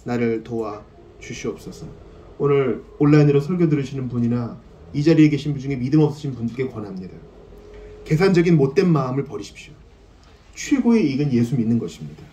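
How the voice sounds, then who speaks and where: A man's voice: mid-range voice, lively intonation, quick pace. A man, a pastor, closing his sermon and leading an earnest, pleading prayer in a church. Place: church sanctuary. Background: soft piano accompaniment.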